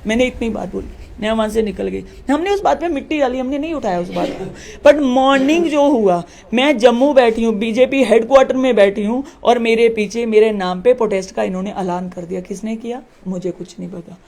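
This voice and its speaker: A woman's voice: a little high, a little fast, vocal fry, hardly any pauses, warm tone. A woman who heads her village, recounting a confrontation with the police in an interview and acting out the dialogue emphatically. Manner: emphatic, acts out quoted dialogue. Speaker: village head.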